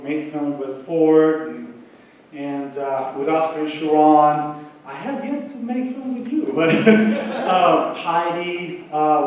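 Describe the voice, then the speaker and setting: A Russian-accented man in his thirties, with a high voice, gives a loose, joking speech with many fillers as an awards presenter. He speaks slowly from a distance in a big, echoing theater. A faint hum of the room sits behind him. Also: darkish tone. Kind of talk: live stage speech. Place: large theater stage. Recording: echoey theater, distant mic.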